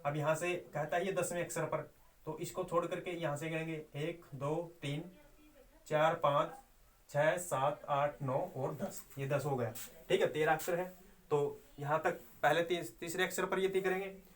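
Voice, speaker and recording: A middle-aged male teacher with a slightly raised pitch, walking students through verse meter in a recorded lesson. He explains patiently and step by step, counting syllables one by one and chanting sample lines slowly. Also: fairly even intonation. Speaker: Sanskrit teacher. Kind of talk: online exam-prep lesson.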